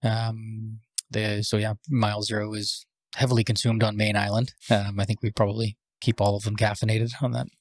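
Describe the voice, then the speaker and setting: A Canadian man who owns a cafe and roasts coffee, talking casually in a podcast interview and pausing often with fillers. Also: on the low side, flat delivery, dry recording, clean studio sound. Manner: hesitant, frequent "um" fillers.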